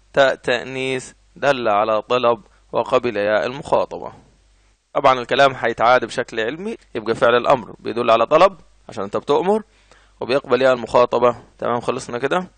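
A man with an Egyptian Arabic accent explains grammar in an ordinary middle-pitched voice. He reads each example twice and then asks and answers his own questions. The recording is dry and close, with no room sound. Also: vocal fry, fairly bright tone, no room sound. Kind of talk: explanatory lesson.

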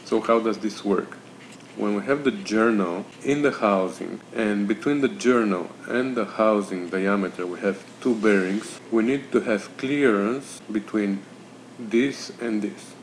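A man narrates a workshop tutorial. He works through numbers methodically, with pauses and fillers. Faint ambient noise sits behind him in the garage. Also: fairly low pitch. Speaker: home mechanic explaining engine measurements.

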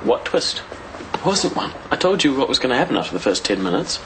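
A man's voice: medium pitch, sing-song, brisk, fairly bright tone, slight background noise, rough recording. An actor playing a wry, teasing young man next door in a TV soap, with a New Zealand accent. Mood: sardonic, probing. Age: young adult. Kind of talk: naturalistic TV soap acting. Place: indoors, small flat.

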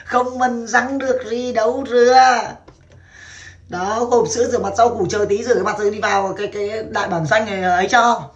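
A woman's voice: a little high, steady tone, brisk, dull audio. A woman from Vietnam in her thirties, chatting brashly and crudely on a casual livestream and laughing often. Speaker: livestream seller.

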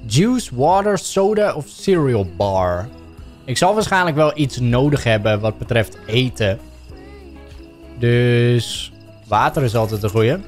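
A man's voice: medium pitch, lively intonation, slow pace, soft background music. A young Dutch man streaming a game live, chatting casually and reading on-screen text aloud with jokey asides. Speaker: gaming streamer. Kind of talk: live let's play commentary.

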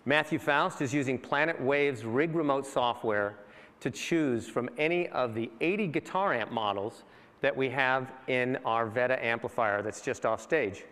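A man's voice: medium pitch, measured pace, a bit bright. A man giving a rehearsed product demo on a keynote stage, speaking steadily. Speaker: guest presenter. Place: large conference hall stage. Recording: large hall reverb.

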